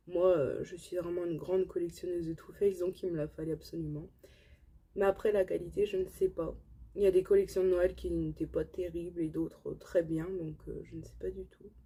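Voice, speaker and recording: Chatty French woman with a mellow, husky voice. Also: lowish voice, fairly even intonation, moderate pace. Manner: chatty, filler-heavy, enthusiastic about products. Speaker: beauty vlogger. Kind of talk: casual haul chat to camera.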